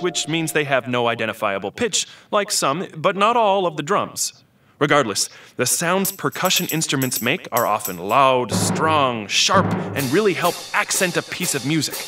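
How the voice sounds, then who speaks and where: A man's voice: on the high side, very animated, normal speed. A man voicing an eccentric, outdated male computer who chats, jokes and laughs at his own puns while guiding kids through instruments. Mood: cheerful. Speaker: instrument selection guide. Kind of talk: scripted educational character. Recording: distant voice over music. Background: music.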